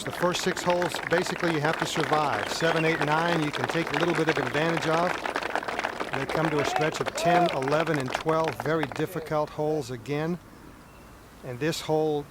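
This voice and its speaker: A man giving measured, explanatory live golf commentary as a broadcast commentator. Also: a little high. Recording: outdoor broadcast with crowd noise. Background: golf crowd and outdoor ambience.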